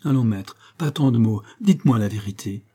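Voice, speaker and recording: A man's voice: medium pitch, lively intonation, fairly quick, warm tone, husky. A man reading an audiobook and voicing a frightened young society woman who turns defiant, pleading and pained. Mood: insistent.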